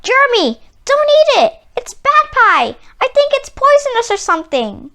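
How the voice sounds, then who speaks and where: A woman voicing an earnest, excitable young boy from a children's storybook, speaking in an emphatic, animated way. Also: very high voice, moderate pace, voice pushed up, heavily acted. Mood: panicked, urgent. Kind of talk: children's storybook character dialogue.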